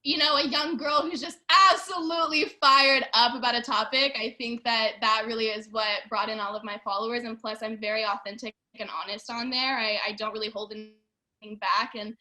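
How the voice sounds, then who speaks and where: A young actress chatting in an interview, bubbly and talkative with lots of fillers. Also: female voice, fairly high pitch, steady tone, brisk, sharp tone. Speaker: actress and social media creator. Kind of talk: casual interview chat.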